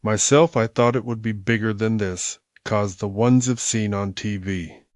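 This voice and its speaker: Man, low voice, dry close sound, plain matter-of-fact vlog narrator. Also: steady tone, measured pace, no room sound. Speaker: vlogger touring a museum. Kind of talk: casual narration and chat. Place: museum observatory.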